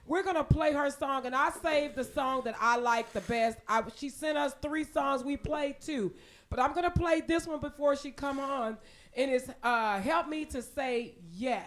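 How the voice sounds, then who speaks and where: A woman's voice: sits high, moderate pace, a little hiss or hum. A woman hosting a live radio show in a casual way, greeting viewers by name and setting up songs. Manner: upbeat, shouts out viewers by name.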